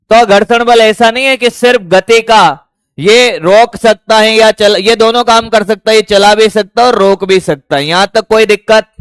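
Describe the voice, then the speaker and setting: A man's voice: high voice, fairly bright tone, smooth, no echo. A man teaching physics to a class, often calling students "beta" and firing repeated check questions at them. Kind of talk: classroom lecture.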